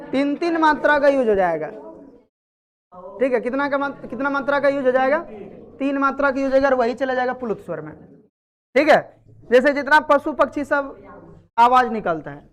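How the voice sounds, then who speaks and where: A woman with a fairly high voice teaches a grammar lesson in a classroom. She keeps quizzing her students to check they understand. She scolds them sharply when they act up.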